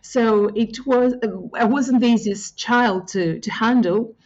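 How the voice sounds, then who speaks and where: In muffled audio, a thoughtful woman from Greece, a native Greek speaker, answers interview questions reflectively as a guest. Her voice is a little high with a darkish tone, and she speaks with frequent pauses and fillers.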